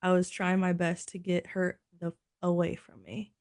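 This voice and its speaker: A woman's voice: fairly low pitch, monotone, normal speed, darkish tone, dry recording, clean studio sound. A woman guest on a casual livestream chat, bubbly and giggly. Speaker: guest fighter.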